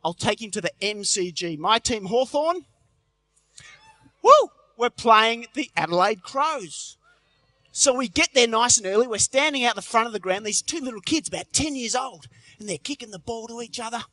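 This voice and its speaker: A man's voice: extremely high pitch, lively intonation, moderate pace, pushed and bright, no echo. A middle-aged Australian man giving a live motivational health talk at a conference, telling jokes and stories with punchy timing. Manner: jokey storytelling, punchy delivery. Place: large convention hall stage.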